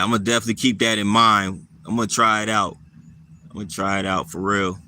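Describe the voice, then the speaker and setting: A man casually talking to his live chat viewers, relaxed and repetitive, answering people by name. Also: fairly low pitch. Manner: laid-back, repeats himself, answers viewers by name.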